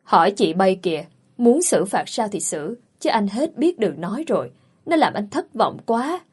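A woman voicing a disappointed older father who heads the household, sounding weary and exasperated with a husky voice. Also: medium pitch, sing-song, normal speed.

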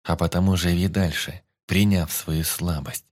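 Man doing a gentle calm celestial being. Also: deep voice. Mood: gentle consoling. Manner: slow, calm, soothing.

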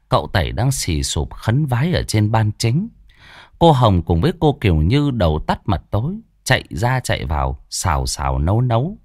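Male horror narrator, dramatic, wildly swinging pitch, dry close sound. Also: no echo. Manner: dramatic, vivid storytelling. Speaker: storyteller.

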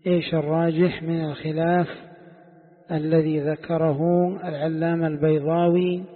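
Brief: male sheikh, lesson delivery, slightly high voice, quizzing students, echoey lo-fi hall. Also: level tone. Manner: quizzes students and repeats key points slowly. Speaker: sheikh teaching Quran commentary. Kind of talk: classroom lesson. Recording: echoey hall, tinny phone-like sound.

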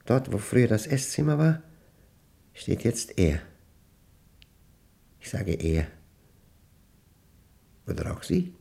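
Here the lonely, tidy mathematics professor of a German radio play monologue is voiced at medium pitch, sing-song and warm with vocal fry, in a heavily acted performance. He muses in standard German, pedantic and halting, constantly questioning himself. He sounds uneasy yet precise.

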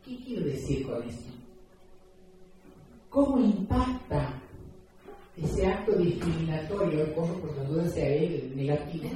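A woman's voice: low-pitched, normal speed, noisy background. A woman gives an earnest public talk, explaining with examples and rhetorical questions. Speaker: speaker at a talk. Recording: echoey room, distant mic.

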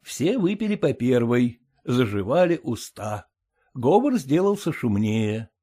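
A man reads a classic comic story aloud in a measured, even narrating voice. His delivery keeps a lively rise and fall of pitch through the scenes.

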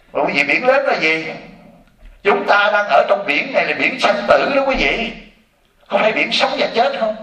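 A man, a Buddhist monk, giving a sermon with lively storytelling and acted-out quotes. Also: high voice. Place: temple hall. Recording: roomy echo from far off.

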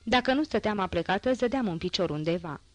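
A woman reading the part of a furious, stooped old woman who scolds and shouts. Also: mid-range voice, expressive, no echo, close to an everyday voice. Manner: angry, scolding.

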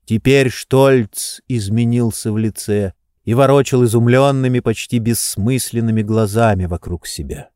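A man narrating a classic novel as an audiobook, in measured, unhurried storytelling. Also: mid-range voice, darkish tone, smooth, no echo, clean studio sound. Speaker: audiobook reader.

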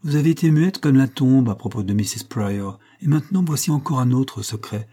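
Un homme qui lit une jeune femme douce mais ferme, la voix montée, posée et insistante, dans un livre audio. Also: male voice, mid-range voice, animated, fairly quick, dark tone, pitched above the performer's own voice, lightly acted.

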